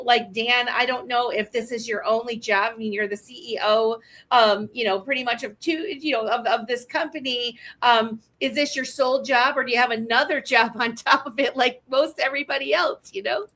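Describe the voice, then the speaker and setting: A woman's voice: fairly high pitch, moderate pace, fairly bright tone. A woman in her fifties hosting a casual panel chat, chatty and teasing, with easy laughter. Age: 50s. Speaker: host.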